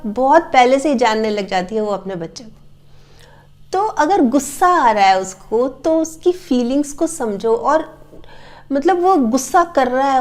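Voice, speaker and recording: A woman's voice: high-pitched, a little mellow. A middle-aged woman talking earnestly to the camera as a parenting advice host, repeating her key points and acting out scolding parents. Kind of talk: casual advice talk to camera.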